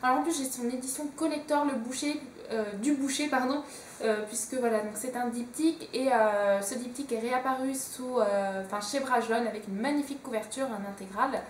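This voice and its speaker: A woman's voice: fairly high pitch, fairly quick, distant mic, a little hiss or hum. A young woman chatting casually as a book vlogger, hesitant and full of fillers. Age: young adult. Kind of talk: casual chat. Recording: echoey room, a bit off-mic.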